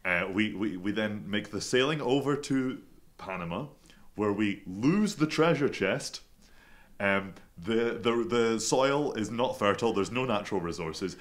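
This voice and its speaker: A man's voice: lowish voice, expressive, a little slow. Glaswegian man telling a rambling story. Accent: Glasgow. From Scotland. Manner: self-deprecating storyteller, stumbling restarts. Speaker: podcast guest. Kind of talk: casual chat.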